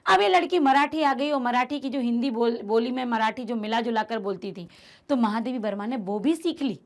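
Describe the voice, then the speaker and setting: Explaining a textbook chapter to her class at a moderate pace, a woman who teaches Hindi uses a fairly high voice. She talks straight to her students with emphasis, going back over key phrases again and again.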